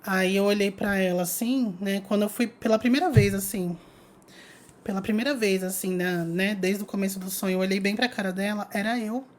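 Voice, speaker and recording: A young adult woman chatting to her online audience, telling a personal story in a lively, casual way. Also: mid-range voice, fairly quick. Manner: lively, chatty, addresses viewers as "gente". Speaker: spiritual content creator.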